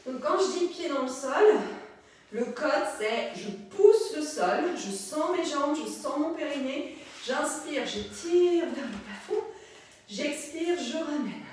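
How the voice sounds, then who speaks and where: High-voiced woman coaching a pilates class. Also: animated. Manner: brisk cueing with playful asides. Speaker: pilates instructor. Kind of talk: live class instruction. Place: studio room with class. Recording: echoey room, mic far off.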